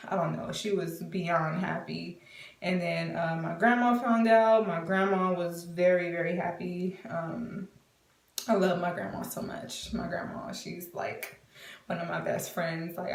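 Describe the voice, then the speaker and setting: Woman, twenties, casual storytime, chatty, acts out quotes, echoey room, distant mic. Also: fairly low pitch. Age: 20s. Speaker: vlogger. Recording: roomy, from a distance.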